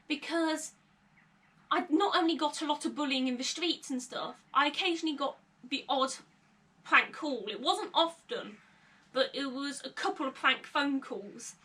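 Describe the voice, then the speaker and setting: In her bedroom, a young adult woman shares a confessional vlog, stumbling over words at times and letting out nervous laughs. She has a high, bright, forceful voice. A slightly distant camera mic, placed close by, records her.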